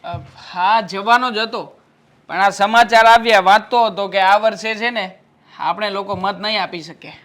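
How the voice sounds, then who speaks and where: Peacemaking husband, bright mid voice, calm and soothing. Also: male voice, high voice, moderate pace. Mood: placating. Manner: calm, placating. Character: patient husband caught between wife and mother.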